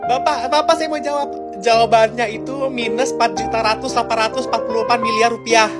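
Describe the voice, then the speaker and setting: A young woman comedy creator performs a one-person school skit, switching between several schoolgirl voices. Her voice is a little high with a steady tone and quick pace, set over a loud music bed.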